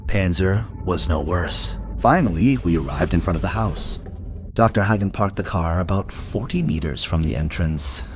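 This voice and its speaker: A man with a deep voice and lively intonation speaks at a moderate pace, with music and some background noise underneath. He plays a dogged police investigator narrating his case in a measured, dry, matter-of-fact way for a scripted crime audio drama.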